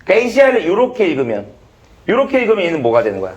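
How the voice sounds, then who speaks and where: A man's voice: sits high, wildly swooping pitch, racing, highs cut off. A male math teacher giving a classroom lecture, blunt and swearing casually as he quizzes students.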